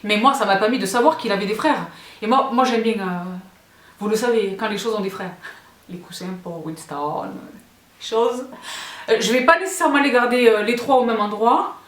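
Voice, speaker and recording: A woman's voice: fairly high pitch, fairly quick. Woman gushing about decor finds in her vlog, keeps asking viewers stuff, echoey room. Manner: chatty, gushing, often checks in with viewers. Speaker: home decor vlogger. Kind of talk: casual show-and-tell vlog. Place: her home studio. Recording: roomy echo.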